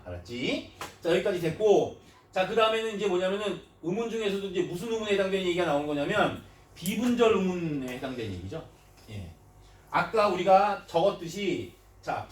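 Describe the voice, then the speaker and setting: A man teaching a grammar class, often checking in with his students through short questions and moving between polite and casual speech. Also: high voice. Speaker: Korean language teacher. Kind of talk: classroom lecture. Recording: echoey room, mic at a distance, faint noise.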